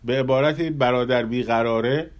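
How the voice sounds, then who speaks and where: A man giving a measured lecture on Persian classical music, pausing often and sometimes humming melodies to illustrate. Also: mid-range voice, muffled recording. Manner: hums and scats melodies to illustrate; measured, thoughtful delivery with pauses.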